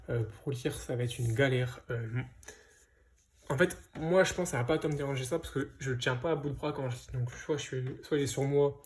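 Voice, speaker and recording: A man's voice: medium pitch, darkish tone. A man casually presenting his comic book purchases to viewers, hesitant, with lots of fillers and restarts. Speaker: comic book collector vlogger. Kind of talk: casual unboxing chat.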